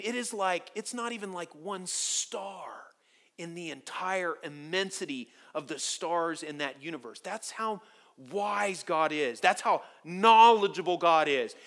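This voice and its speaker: A man preaching a sermon as pastor, telling stories with animated swings from quiet asides to loud emphasis. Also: sits high. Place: church sanctuary.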